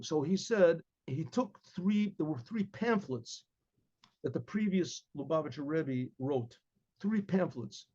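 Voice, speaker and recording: Speaking into a desk webcam in his book-filled study, an older American man tells a casual class a wandering story, with repeated words and regular throat-clearing. The voice is a touch high and dark in tone, with the top end of the audio cut off.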